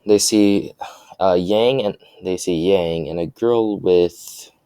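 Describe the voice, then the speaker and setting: A young man with a low, deep voice improvises a fan story aloud. He stumbles through restarts and fillers as he goes. The sound is close and dry, with no room echo. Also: dark tone, smooth. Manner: halting, full of restarts and fillers.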